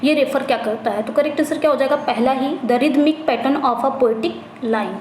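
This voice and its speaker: High-voiced woman tutor in an echoey room. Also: darkish tone. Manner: explains in Hindi, reads English questions slowly; repeats phrases, corrects herself. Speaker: English exam tutor. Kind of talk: Hindi exam-prep lesson. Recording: echoey room, faint background noise.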